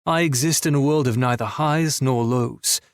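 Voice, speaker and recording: A man's voice: mid-range voice, moderate pace, no room sound, studio quality. Man narrating a weary romance monologue. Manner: weary, blunt inner monologue. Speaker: audiobook narrator. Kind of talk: first-person romance audiobook narration.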